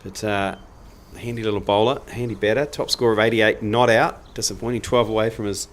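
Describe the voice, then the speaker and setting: A man giving casual, jokey live cricket commentary from an outdoor ground, breaking into excited play-by-play. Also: on the low side, brisk.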